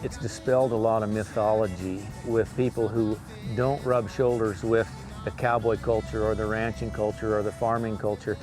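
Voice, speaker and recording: A man's voice: lowish voice, little pitch movement, normal speed, few pauses. A mature man, a working cowboy and performer, talking reflectively in an interview. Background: music under the voice.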